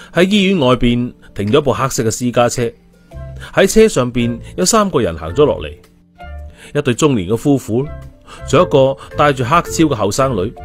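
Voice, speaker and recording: Over faint music, a man reads an audiobook with an expressive, storyteller's delivery. His voice is mid-pitched and his intonation stays lively.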